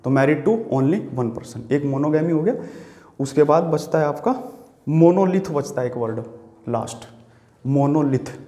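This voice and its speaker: A man's voice: on the high side, lively intonation, measured pace, warm tone, roomy sound. A man with an Indian accent teaching exam-prep vocabulary, explaining patiently, repeating words and asking the viewer questions. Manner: writes on a board while talking.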